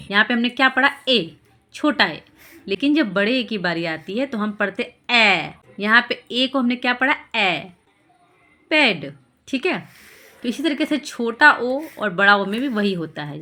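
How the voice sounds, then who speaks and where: A woman's voice: a little high, sharp tone. A woman teaching parents how to explain vowel signs, speaking patiently, repeating examples and checking in with rhetorical questions. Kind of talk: explanatory lesson.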